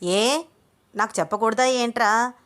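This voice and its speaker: A woman's voice: a little high, voice pushed up. A woman voicing a cranky, forgetful old grandmother who speaks with a toothless lisp and stammer, in a story read aloud. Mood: scolding. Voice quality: lisping, stammering. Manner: scolding, loud and slow.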